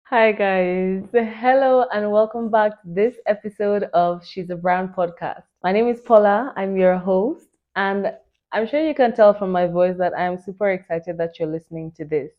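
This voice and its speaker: A woman in her late twenties hosting a solo podcast, talking in an excited, chatty way full of "like" and "you know". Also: medium pitch, normal speed. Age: 20s. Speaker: podcast host. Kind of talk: casual solo podcast talk. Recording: dull lo-fi recording.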